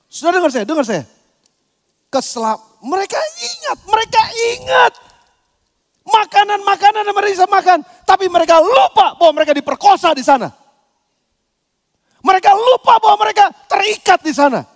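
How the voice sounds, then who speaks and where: Man, pastor, animated sermon, sudden shouts, very high voice, long reverb of a church hall. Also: a little fast. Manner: animated, acts out quoted voices, bursts into shouts.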